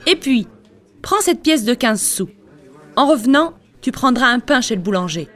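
Cruel bossy innkeeper's wife, high, swooping, sharp orders. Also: female voice, lively intonation, moderate pace. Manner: sharp and commanding. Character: harsh, bossy middle-aged innkeeper's wife. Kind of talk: audiobook drama acting.

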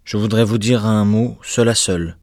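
A man's voice: fairly low pitch, normal speed, dry recording, clean studio sound, lightly acted. Jean Valjean, a man playing a grave, stern ex-convict. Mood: grave resolute. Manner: stern, then grave and calm. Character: former convict turned mayor, grave middle-aged man. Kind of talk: dramatized audiobook reading.

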